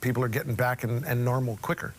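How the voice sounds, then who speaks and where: Male morning TV host, chatty, upbeat, mid-pitched voice, stumbles over words. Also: fairly even intonation, quick pace, slight background noise. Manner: chatty, enthusiastic, stumbling restarts. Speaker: TV show host. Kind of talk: TV morning show interview.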